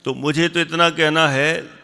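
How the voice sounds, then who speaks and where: Slow gravelly man teaching in hall. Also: on the high side, fairly even intonation, sharp tone. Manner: slow, repeats definitions, quizzes and scolds pupils. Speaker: religious teacher. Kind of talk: classroom lesson with questions to students.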